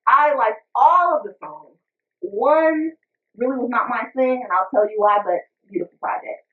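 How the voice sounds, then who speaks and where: A woman giving a casual, animated music review, chatting and breaking into little sung bits. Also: a little high, normal speed. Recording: tinny phone-like sound, distant mic.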